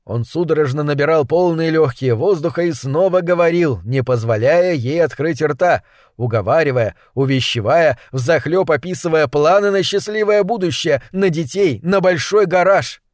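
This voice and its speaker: A man reads a story aloud in a measured, even way, with a voice set a little high for a man. The sound is dry and close, with no room around it. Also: no echo. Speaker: narrator. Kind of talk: audiobook story reading.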